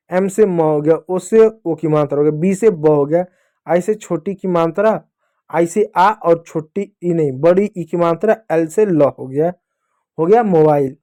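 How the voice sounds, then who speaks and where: This man's voice is on the high side yet dark in tone as he leads children through spelling English words letter by letter. He calls the class "children" and repeats each answer.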